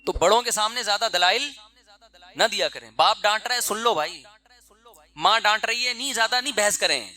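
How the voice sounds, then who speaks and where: A middle-aged male preacher talking to his listeners in a loose, conversational way. His voice sits high for a man and rings bright and forceful. He breaks into short acted quotes of ordinary people. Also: expressive, slight background noise. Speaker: Islamic preacher. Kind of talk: sermon.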